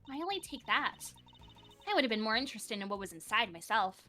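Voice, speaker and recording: An eager woman reading game lines aloud on a stream. Her voice is high and bright, swooping widely in pitch, over faint music. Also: very animated, quick pace.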